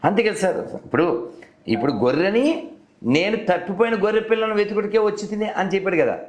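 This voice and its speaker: Recorded over an echoey phone line in a roomy space, a man with a high-sitting, animated voice speaks fairly quickly. He acts as host, debating conversationally and probing again and again with leading questions.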